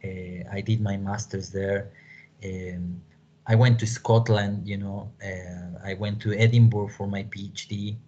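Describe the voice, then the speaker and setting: A native Spanish-speaking man with a Mexican accent, an English teaching lecturer, explains things to an online class in a halting manner, repeating words and phrases. His voice is lowish, dark, and fairly flat in pitch. He's in a small room at home using a computer mic on a video call, and the audio is dull and lo-fi.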